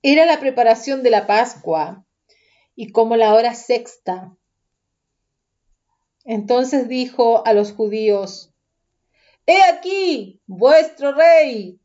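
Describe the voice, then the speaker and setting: A woman reading scripture aloud, calm, deliberate and even. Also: on the high side, muffled recording. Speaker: Bible reader.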